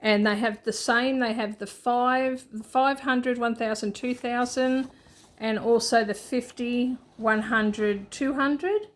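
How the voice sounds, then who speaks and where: A woman's voice: on the high side, slow. A woman hosting a budgeting channel, chatting casually as she shows her printables and laughs at herself. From Australia. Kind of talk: casual show-and-tell walkthrough.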